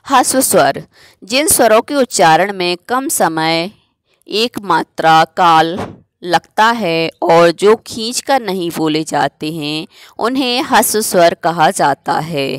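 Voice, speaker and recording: A woman's voice: on the low side, expressive, slow pace, no room sound. A woman teacher giving a grammar lesson, explaining step by step and asking herself questions before answering them.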